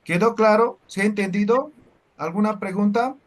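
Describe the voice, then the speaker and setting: A man's voice: sits high, moderate pace. A man teaching a language class. He explains step by step and keeps checking with the students through short questions. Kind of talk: classroom lecture.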